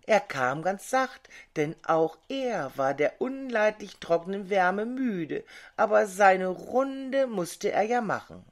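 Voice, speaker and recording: Older female storyteller, expressive, measured, lively pitch. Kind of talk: fairy tale reading.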